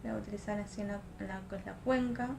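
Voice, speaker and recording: A woman's voice: medium pitch, fairly even intonation, quick pace, vocal fry, noisy background. Chatty young woman vlogger. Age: young adult. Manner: chatty, thinks aloud with fillers. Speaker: makeup vlogger. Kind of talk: casual makeup tutorial. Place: home room, close to a lamp.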